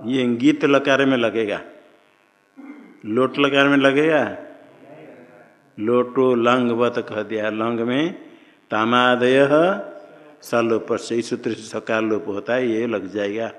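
Slow-speaking grammar teacher in a reverberant hall. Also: male voice, medium pitch, steady tone. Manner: quizzing students, slow and deliberate. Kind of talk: classroom grammar lesson with questions.

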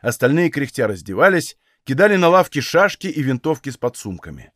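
Man narrating a novel, lively delivery. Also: medium pitch, no room sound, studio quality. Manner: measured storytelling. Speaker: audiobook narrator. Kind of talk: scripted narration.

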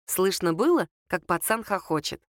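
A woman narrating a novel as an audiobook in an even, measured storytelling voice. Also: on the low side, no echo, studio quality. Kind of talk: scripted narration.

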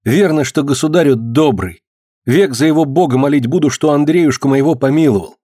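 A man's voice: fairly high pitch, moderate pace, dark tone, no room sound, studio quality, voice pushed up, close to an everyday voice. A man voicing an anxious young peasant woman who pleads and cries out in distress. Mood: relieved.

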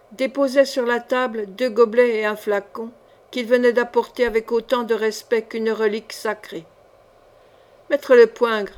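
A woman reading a classic novel aloud as an audiobook, in a measured storytelling manner. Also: a little high, a little mellow. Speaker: audiobook reader.

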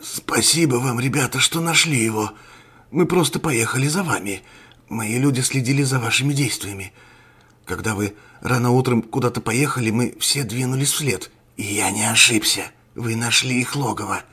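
A man voicing a grieving wealthy older man who speaks hoarsely and breaks into shouting, in an audio story. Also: medium pitch, moderate pace. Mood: grateful.

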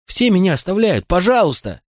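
A desperate young boy who pleads and shouts, pitched well above the reader's usual tone, as a male narrator puts him on. The voice swings a lot, and the take is dry and close. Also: big pitch swings, brisk, no room sound. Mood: pleading outburst. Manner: pleading, outbursts.

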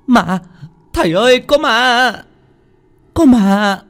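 A man voicing a terrified young village man who stammers in a high, panicked voice. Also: animated, takes it slowly, fairly bright tone, exaggerated voice.

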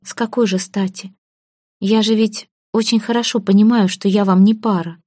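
A woman's voice: mid-range voice, fairly even intonation, moderate pace, a little mellow, no echo, clean studio sound, close to an everyday voice. A woman voicing a poor, proud young orphan woman who talks in a flustered, pleading way. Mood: hurt. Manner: pleading, flustered, self-deprecating.

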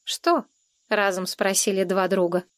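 A woman reading a children's story aloud with calm, even storytelling. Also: medium pitch, measured pace, no echo, clean studio sound. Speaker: narrator. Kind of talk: audiobook narration.

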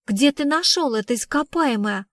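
A woman's voice: high voice, animated, normal speed, no echo, studio quality, pitched above the performer's own voice. A woman reading the part of a snobbish rich mother who speaks in a haughty, scornful way. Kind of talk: audiobook reading.

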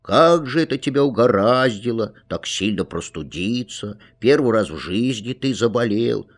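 A man's voice: medium pitch, animated, normal speed. A man voicing a worried father who coaxes and pleads with his sick little boy in a children's story. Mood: puzzled. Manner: coaxing, pleading, exasperated.

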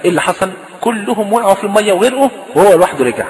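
Rapid, high-voiced Egyptian preacher. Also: male voice. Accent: Egyptian Arabic. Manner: animated, acts out dialogue of the story. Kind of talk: storytelling sermon. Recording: long hall reverb.

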